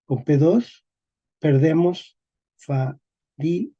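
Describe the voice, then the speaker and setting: A man teaching a class on historical sound changes, speaking slowly and deliberately, checking in with his listeners after nearly every phrase and repeating key words. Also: on the high side, lively intonation, dark tone, slightly rough, highs cut off. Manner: slow and deliberate, checks in constantly with "¿ok?" and "¿eh?". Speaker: teacher of Spanish historical phonology. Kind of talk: classroom lecture.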